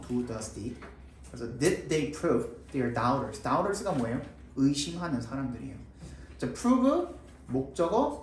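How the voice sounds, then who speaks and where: Roomy classroom English tutor, man. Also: medium pitch. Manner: explains patiently, checks in with students often. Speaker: high school English tutor. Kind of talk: classroom grammar lesson. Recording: roomy, mic far off, faint noise.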